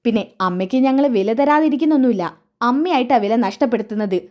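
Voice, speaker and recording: A woman's voice: on the high side, expressive, fast, mellow, close to an everyday voice. A woman reading the lines of a weary young male college student arguing with his mother. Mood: pleading.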